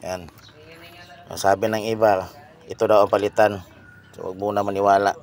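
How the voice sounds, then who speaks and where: A man, a mechanic explaining a car repair to viewers in a halting way, pausing and repeating himself. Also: on the low side, level tone.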